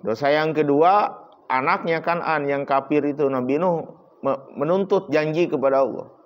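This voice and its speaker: Male kitab teacher, storytelling preacher, slightly high voice, dull lo-fi recording. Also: moderate pace. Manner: storytelling preacher, acts out dialogue, swings between loud and hushed asides. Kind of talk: religious study lecture.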